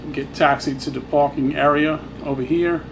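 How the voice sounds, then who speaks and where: A man giving casual flight simulator commentary, thinking aloud in a relaxed way. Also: fairly high pitch, moderate pace, vocal fry. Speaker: flight simulator player narrating own flight. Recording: loud propeller engine drone over voice. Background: simulated small plane engine noise.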